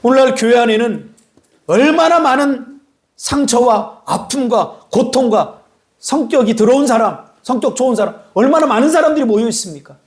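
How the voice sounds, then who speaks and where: A man, a pastor, giving an animated sermon in a church and teasing members of the congregation by name. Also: very high-pitched, normal speed. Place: church sanctuary.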